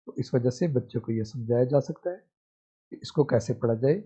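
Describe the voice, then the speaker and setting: A man's voice: medium pitch, dark tone, breathy edge. A man teaching a Quran reading lesson, spelling out syllables one by one and then blending them. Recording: muffled, lo-fi recording.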